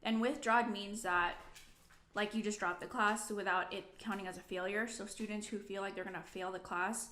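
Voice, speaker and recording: A woman's voice: medium pitch, fairly even intonation, normal speed, bright, forceful tone. A woman in her twenties chatting informally to camera as a student vlogger, rambling and peppering her talk with "like". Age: 20s. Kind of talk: casual chatty vlog to camera. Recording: echoey room.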